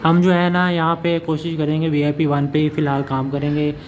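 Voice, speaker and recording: A man's voice: a little high, monotone, fairly quick, slight background noise. A man narrating a step-by-step phone app walkthrough, with fillers and self-corrections as he goes. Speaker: channel host. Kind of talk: screen-recorded app walkthrough. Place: voice-over over phone screen recording.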